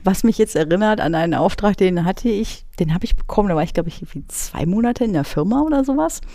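Animated chatty podcast co-host, dry sound. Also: mid-range voice, no room sound. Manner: animated, chatty, quick to tease. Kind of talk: casual chat.

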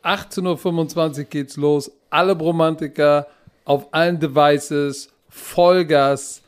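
Man, podcast co-host, teasing, joking, a bit high-pitched. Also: fairly even intonation, unhurried, clean tone. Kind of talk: casual podcast chat.

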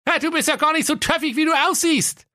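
Dr. Schulz, a squeaky cheeky dog. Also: male voice, quick pace, pushed and bright, no echo, clean studio sound. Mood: cheeky taunting. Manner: high squeaky falsetto, taunting and wheedling. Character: cheeky talking male dog, smug flattering con man. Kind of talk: comic fairy-tale reading.

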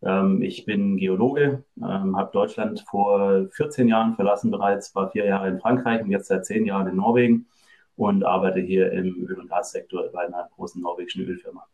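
A man's voice: sits low, steady tone, normal speed, a little mellow. A middle-aged man from Germany, a guest in a casual interview, speaking hesitantly with many fillers.

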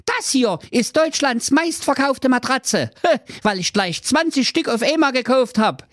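A man doing a pushy, high-voiced young prince. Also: lively intonation, a little slow, a bit bright, dry recording, studio quality, heavily acted. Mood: boastful. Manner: pushy, sales-pitch talk. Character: cheeky complaining young prince, pushy salesman type.

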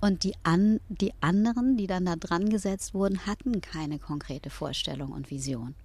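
A middle-aged woman from northern Germany, talking as an interview guest in a thoughtful way, pausing often with fillers. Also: lowish voice, a little mellow. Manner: thoughtful, with many hesitations and fillers. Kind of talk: reflective conversation.

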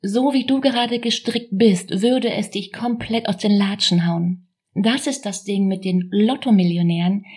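A woman coach talking straight at the listener. She keeps it punchy and direct, with casual asides and blunt jabs. Her voice sits in a middle pitch. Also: darkish tone. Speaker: business coach. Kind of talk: motivational talk to camera.

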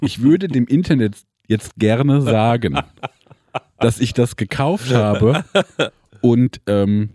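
A man's voice: mid-range voice, slow, dark tone, dry recording, studio quality. A man in casual podcast chat, griping in a laid-back, wry way and drawing out his stresses.

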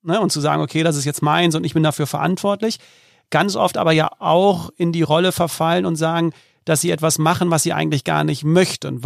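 A man's voice: on the high side, creaky, no echo, studio quality. A man hosting a podcast interview, asking friendly questions with frequent hesitations. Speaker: podcast host.

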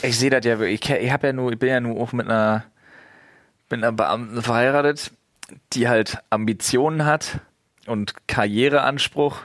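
A man with a mid-pitched voice chats casually on a podcast, blunt and full of slang. There is no room echo on his voice. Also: steady tone, normal speed, fairly bright tone, clean studio sound. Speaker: podcast co-host. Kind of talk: casual chat.

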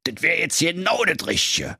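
A man voicing a gruff, hungry male wolf in a comic audio fairy tale. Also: on the high side, huge pitch swings, normal speed, sharp tone, dry recording, clean studio sound, voice pushed up, exaggerated voice. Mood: greedy.

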